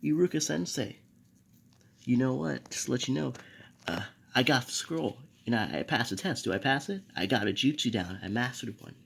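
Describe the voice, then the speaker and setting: A man voicing a brash, cocky young ninja boy in a fan retelling, speaking high and loud with a gravelly edge. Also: moderate pace, long pauses, heavily acted. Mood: excited.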